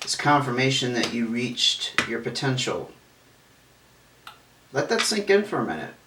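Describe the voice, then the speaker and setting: A man of middle pitch gives a casual tarot reading, chatty and reassuring, with sudden exclamations over the cards. He stumbles over words and restarts now and then. His voice sounds set back from the mic in a room with a lot of echo. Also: a bit bright, recorded from a distance. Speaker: tarot reader.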